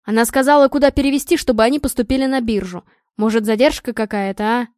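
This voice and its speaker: A panicky, hot-headed husband pleads and snaps in a desperate, defensive tone, voiced by a woman reading the story. Her voice is fairly high and heard close and dry. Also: fast talker, a little mellow, no echo, lightly acted.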